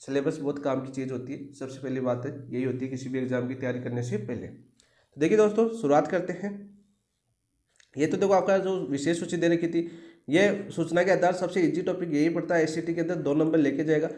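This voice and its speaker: A man's voice: fairly high pitch, fairly even intonation, brisk, darkish tone, echoey room. A man teaching an exam-prep lecture who keeps asking the class questions and answering them himself.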